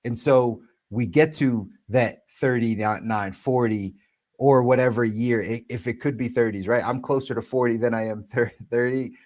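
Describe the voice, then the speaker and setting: A man's voice: medium pitch, steady tone, normal speed, darkish tone. A man in his thirties co-hosting a podcast, talking things through in a casual, reflective way and often checking in with "right?". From United States. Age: 30s. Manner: reflective, thinks aloud with many "right?" asides. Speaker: podcast co-host. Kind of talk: casual chat.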